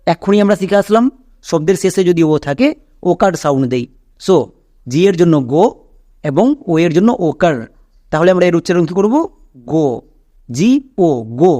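A man's voice: high voice, moderate pace, long pauses, warm tone, no echo, studio quality. A man with a Bangladeshi Bengali accent teaching English reading, explaining phonics rules step by step and checking that students follow. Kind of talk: recorded phonics lesson.

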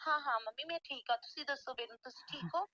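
A woman's voice: sits high, fast, bright, forceful tone, no room sound, highs cut off. A woman acting a daughter pleadingly asking her mother for money on the phone. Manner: pleading, urgent. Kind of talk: family drama acting.

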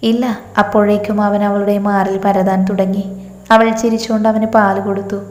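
A woman narrating a romantic story in a steady, even reading voice. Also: medium pitch. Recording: echoey room with long reverb.

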